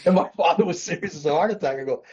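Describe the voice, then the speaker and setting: A sixtysomething real estate developer, guesting on a podcast, tells his business story in a rambling, self-correcting interview conversation with frequent chuckles. He talks fast in a slightly high, somewhat mellow voice. The podcast audio is dull and lo-fi with slight background noise.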